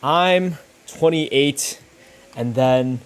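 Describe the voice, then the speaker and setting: Speaking extremely slowly in a medium-pitched voice, a young YouTuber livestreams his thumbnail making. He chats casually and rambles as he thinks aloud while working, using slang and swear words.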